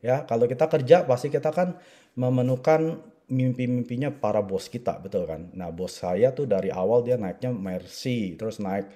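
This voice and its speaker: A man's voice: mid-range voice, normal speed, mellow. A man in his forties from Indonesia, telling his life story to an audience in a chatty way, often tagging sentences with little fillers. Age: 40s. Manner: conversational, frequent filler "ya" and "gitu". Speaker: network marketing speaker. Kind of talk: personal story talk to an audience.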